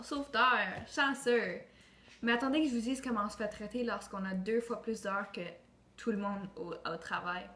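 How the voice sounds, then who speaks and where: A woman's voice: medium pitch, fairly bright tone. A woman reciting an earnest, declamatory monologue for a school project, with frequent restarts. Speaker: student. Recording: roomy echo with faint ambient noise.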